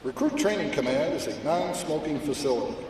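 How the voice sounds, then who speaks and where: A man's voice: a little high, sing-song, fairly quick, slight background noise. A man giving formal, instructive notices to guests over the intercom in a large drill hall. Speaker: public address announcer. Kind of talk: formal announcements. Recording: echoey hall loudspeaker from far off.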